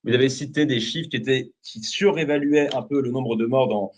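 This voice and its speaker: A man's voice: mid-range voice, normal speed. A man arguing as a debate guest, pressing and repeating accusing questions. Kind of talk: heated televised debate.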